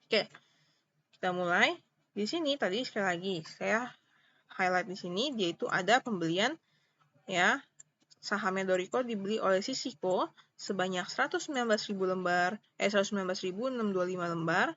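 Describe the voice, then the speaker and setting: Speaking with an Indonesian accent, a woman accounting lecturer walks through material informally, step by step. Her bright, forward voice sits at an average female pitch; she talks fairly quickly yet leaves long pauses, repeats key points and checks in with short questions. The recording is dry, slightly muffled and lo-fi.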